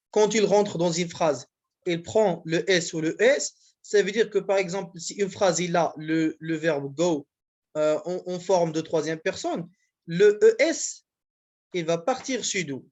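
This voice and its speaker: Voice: mid-range voice, darkish tone. A university language teacher, giving a grammar lesson in a patient, repetitive way and often checking that the class follows. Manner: patient, repetitive explaining with frequent check-ins.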